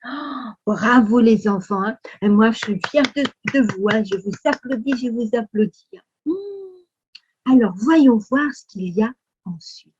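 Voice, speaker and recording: A woman with a French accent leading a children's Sunday school lesson, speaking slowly with exaggerated, exclamatory storytelling for kids. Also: fairly high pitch, lively intonation, dull audio, background noise. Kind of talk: animated lesson for young children.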